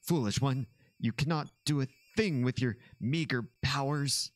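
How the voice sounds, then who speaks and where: A man's voice: mid-range voice, a little slow, no room sound, pitched above the performer's own voice, natural voice. A man voicing a pompous, scornful evil alien in a grandiose villain monologue, reading game dialogue in character.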